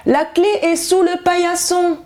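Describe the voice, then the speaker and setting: A woman's voice: extremely high pitch, level tone, a little mellow, voice pushed up. A woman voicing a sly, hungry male wolf who fakes a sweet voice, reading a storybook tale. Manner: sugary, then slow and menacing.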